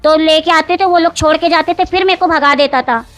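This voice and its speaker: In an interview, a woman recounts events at length, often repeating herself and quoting other people word for word. Her voice is high, fairly quick and a bit bright, and her telling is long and rambling.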